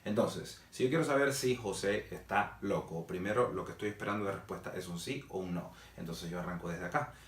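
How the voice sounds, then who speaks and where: A man's voice: deep voice, a little fast, hardly any pauses. A man teaching a video lesson in a blunt, plain-spoken way, swearing casually as he explains. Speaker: English teacher. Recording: echoey room, a bit far from the mic.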